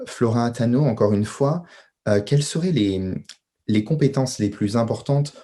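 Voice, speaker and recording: A man's voice: lowish voice, warm tone. A man moderating a panel discussion, phrasing questions in a circling way with frequent little tag words.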